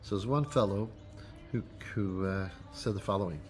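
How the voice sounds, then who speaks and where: A man speaking as a rabbi, giving an unscripted holiday talk to his congregation with frequent restarts and fillers. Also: on the low side. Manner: unscripted, halting, with many restarts.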